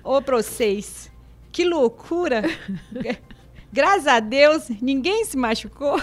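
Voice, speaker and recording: A woman speaks slowly in a high voice. She reads a regional text hesitantly, with pauses and fillers. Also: lively intonation. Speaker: guest. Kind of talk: casual chat and reading a text.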